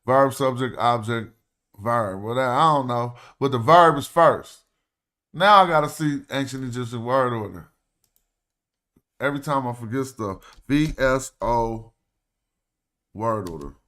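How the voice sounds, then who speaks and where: A man's voice: medium pitch, a little slow, long pauses, a bit bright. A man hosting a casual livestream, talking loosely and thinking aloud as he walks through ancient Egyptian words. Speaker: host. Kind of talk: casual livestream walkthrough of hieroglyph texts.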